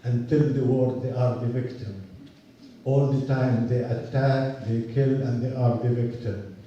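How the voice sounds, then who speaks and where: An older man from Palestine, a university professor, giving an earnest, measured rally speech outdoors. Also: medium pitch, steady tone, mellow, heavy reverb, distant mic, lo-fi sound, a little hiss or hum. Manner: earnest, measured storytelling with restarts.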